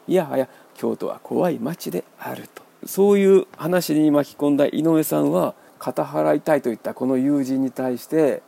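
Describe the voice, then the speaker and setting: A man hosting a radio book talk, explaining in a wry, measured way. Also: mid-range voice, creaky, mellow. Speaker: radio host.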